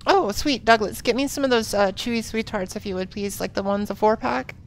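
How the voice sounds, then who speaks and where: A woman's voice: fairly high pitch, brisk, slight background noise. A woman streaming a video game, chatting casually, laughing often and swearing freely. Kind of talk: casual gameplay commentary.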